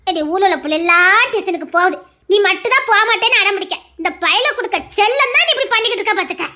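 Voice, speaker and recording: A woman's voice: very high voice, bright, forceful tone, pitched below the performer's own voice. A woman voicing a fussing village mother who coaxes and grumbles at her child in a comic skit. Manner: coaxing then grumbling, talks in long runs.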